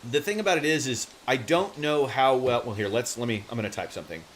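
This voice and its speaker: A man's voice: mid-range voice, fast. A man chatting casually on a livestream, rambling and often trailing off as he loses his thread. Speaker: live streamer and fiction writer. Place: home office. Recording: steady hiss and room noise.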